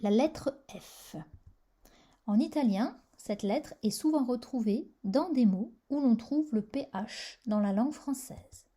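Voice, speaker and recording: Slow, mellow-voiced woman teaching pronunciation. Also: fairly high pitch. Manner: slow, careful pronunciation drills. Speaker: language teacher. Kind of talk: scripted language lesson.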